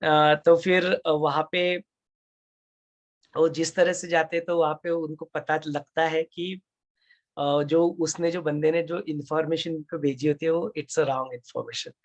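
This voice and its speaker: A man retells a film's story for a study group, his voice sitting a little high and wandering between Hindi and English with frequent fillers and restarts. The recording sounds dull and lo-fi. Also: little pitch movement, takes it slowly. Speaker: spiritual study group speaker. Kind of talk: explaining a film's plot to a discussion group.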